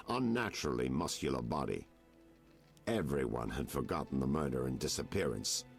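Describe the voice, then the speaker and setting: Very deep noir detective. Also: male voice, vocal fry, exaggerated voice. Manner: noir detective delivery, theatrical and insinuating. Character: world-weary male private detective with noir flair. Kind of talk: video game dialogue acting.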